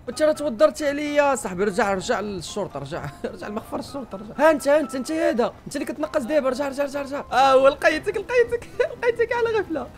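Moroccan male streamer, high and animated, laughs through everything. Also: rapid-fire. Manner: laughs a lot, excitable, yelling. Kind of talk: role-play gaming commentary.

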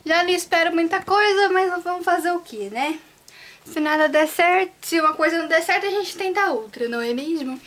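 A young woman from Brazil vlogging casually, nervous and excitable, her voice trembling as she exclaims often. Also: extremely high pitch, fairly quick. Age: young adult. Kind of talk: casual vlog reacting to exam results.

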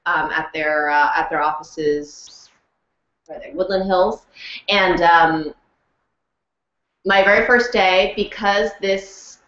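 Lively woman telling a story, roomy sound. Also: on the low side, slow, long pauses, highs cut off. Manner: animated storytelling with frequent laughs. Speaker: actor and audiobook narrator. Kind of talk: casual chat.

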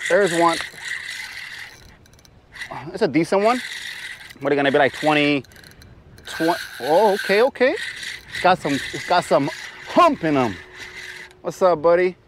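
Guy vlogging from his boat, kinda high voice, wind blowing loud on a body cam, hollers when he hooks one. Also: measured pace, long pauses. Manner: excited hollering when fish bite. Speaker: fishing vlogger. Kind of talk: casual fishing vlog narration. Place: small boat out on open bay water. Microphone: action camera worn on the body. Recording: outdoor camera audio with wind noise. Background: wind and water.

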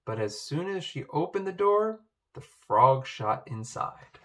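A man with a fairly high voice reads a children's picture book aloud, telling the story in an expressive, deliberate way.

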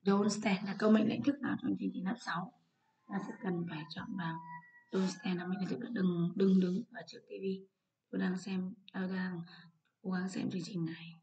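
A woman's voice: on the low side, fairly even intonation, brisk, warm tone, lo-fi sound. A woman teacher with a Vietnamese accent, patiently going through an English exam paper and explaining each answer. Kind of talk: exam walkthrough lesson.

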